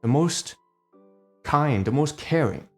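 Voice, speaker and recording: A man in his late twenties, a Cantonese native speaker, rants heatedly at home for his personal vlog, swearing often and tacking "all right?" and "okay?" onto his lines. His medium-pitched voice is animated and slow, with vocal fry. Faint music plays in the background.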